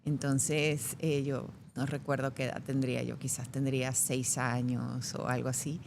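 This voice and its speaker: Deep-voiced woman, middle-aged, lively storyteller, faint room rumble. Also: normal speed, vocal fry. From Venezuela. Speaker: actress guest. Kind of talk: casual interview chat.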